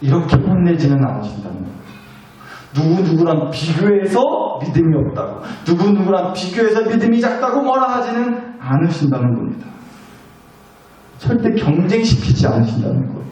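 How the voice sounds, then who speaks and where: A male pastor preaches in a high, swooping voice that leaps up and down as he presses each point. He repeats his key lines with growing insistence. The sound is picked up from well back in a boomy church hall. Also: very animated, normal speed, dark tone. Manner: emphatic, repeats key phrases with rising insistence. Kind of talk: sermon. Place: church sanctuary. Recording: echoey hall, distant mic.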